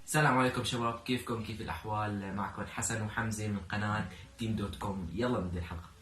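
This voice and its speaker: A man with a Levantine Arabic accent hosts a casual challenge video in a lowish voice. He talks quickly and informally. The recording is roomy and noisy. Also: fairly even intonation, over loud music. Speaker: YouTube host. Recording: roomy, noisy, distant mic.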